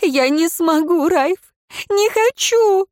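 A woman voicing a grieving, sharp-tongued young heroine in a fantasy audiobook, tearful and high-strung. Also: moderate pace, no room sound, clean studio sound, natural voice. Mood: sobbing.

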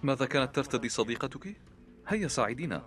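A man's voice: medium pitch, expressive, fast talker, a bit bright, natural voice. A man dubbing a firm airport police officer. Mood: stern. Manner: firm, questioning. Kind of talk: dubbed documentary dialogue. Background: faint music.

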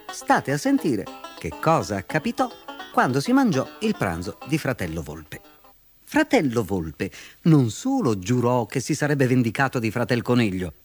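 Brief: male narrator for a children's fable, very animated pitch, dry close sound, soft music under. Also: slightly rough, no room sound. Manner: lively, expressive storytelling.

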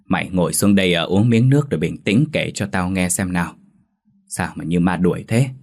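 A man voicing a gruff, angry middle-aged village father who scolds and hisses at his family. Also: sits low, a little fast. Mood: angry scolding. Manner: scolding, hissing through teeth.

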